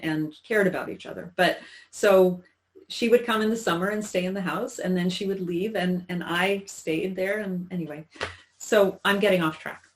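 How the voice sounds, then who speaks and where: A woman in her sixties looks back on her family in a conversational interview. She speaks in a middle pitch, stopping and restarting phrases as she searches for the right words. Her tone stays reflective and personal. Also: low-quality recording. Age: 60s. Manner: halting, reflective, many restarts. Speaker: interview guest.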